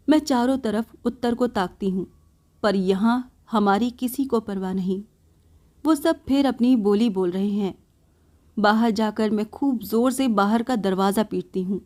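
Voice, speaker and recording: Slow, mellow-voiced woman reading a story. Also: mid-range voice. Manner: slow, soft first-person narration.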